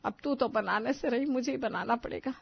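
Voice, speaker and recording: A woman voicing a loud, bossy older mother-in-law who scolds in shrill outbursts, on a dull, dry recording. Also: brisk, vocal fry, breathy edge, no room sound, full character voice. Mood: dejected.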